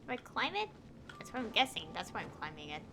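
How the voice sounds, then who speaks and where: Her mid-range voice swings hugely in pitch, pushed and bright, as she talks fast with vocal fry. She's a game streamer on a headset giving rambling, think-aloud live commentary over game music, with a little hiss or hum in the recording.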